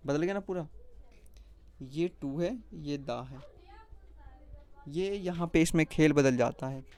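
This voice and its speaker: A teacher explaining a lesson step by step, speaking directly to the viewer and slowly repeating letter sounds one at a time. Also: mid-range voice, a little mellow. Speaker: shorthand teacher.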